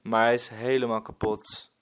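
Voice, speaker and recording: A man reading a children's story aloud in an expressive storytelling manner. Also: medium pitch, moderate pace, clear, resonant tone.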